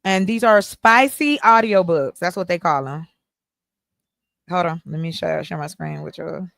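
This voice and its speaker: A woman hosting a casual group chat in a playful, teasing, animated manner. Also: on the low side, a little slow, creaky, no echo, studio quality. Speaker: host.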